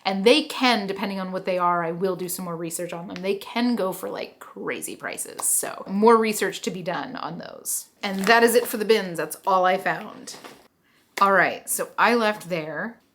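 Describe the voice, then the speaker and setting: This is a woman with a Philadelphia accent walking viewers through her thrift finds in a relaxed vlog. Her voice sits at an ordinary middle pitch, and she talks in a warm, rambling way, leaning on "like" and "you know" as she goes. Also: normal speed, slight background noise. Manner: chatty, enthusiastic, lots of "like" and "you know". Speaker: reseller vlogger. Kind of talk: casual haul chat to camera.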